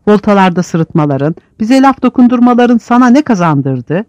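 A man's voice: high-pitched, big pitch swings, moderate pace, a little mellow, no room sound, muffled recording, voice pushed up. A man voicing a fiery male prisoner leader, haranguing and scolding in an audiobook. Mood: scolding harangue.

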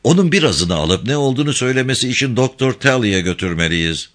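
A man voicing a calm, wry veteran boat captain in an audiobook. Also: medium pitch, fast talker. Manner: dry, amused.

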